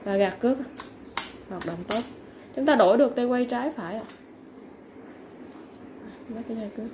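A woman seller giving a polite, informal product sales pitch, going item by item with repeated stock phrases. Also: brisk. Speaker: online seller of used fishing reels. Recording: clearly noisy background ambience.

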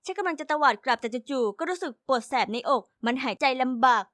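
High-voiced woman narrating a story. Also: animated, fast, a bit bright, no echo, studio quality. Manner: earnest, first-person telling.

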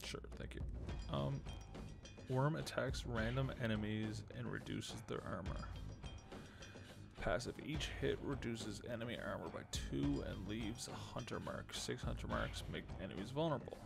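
A gravelly, fairly low-pitched man in his thirties streams a game at a moderate pace, muttering as he thinks aloud and reads the on-screen text. Video game music plays behind his casual commentary.

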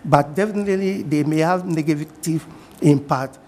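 A middle-aged man with a Ghanaian accent, a guest from the fishing industry in a TV studio interview, speaking in a measured way and repeating his key points. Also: a little high, a little mellow, big-room sound.

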